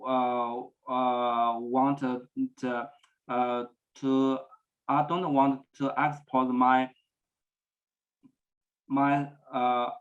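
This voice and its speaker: A man with a mid-range voice presents at a speech celebration, giving a personal talk about stuttering. He speaks slowly and flatly, stuttering with many repetitions and pauses. The recording has a dull, lo-fi sound.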